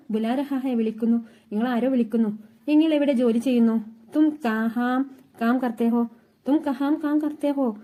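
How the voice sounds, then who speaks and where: Mellow woman patiently teaching phrases. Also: a little high. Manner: repeats each phrase, glossing word by word. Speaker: Hindi teacher. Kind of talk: language lesson, phrase by phrase.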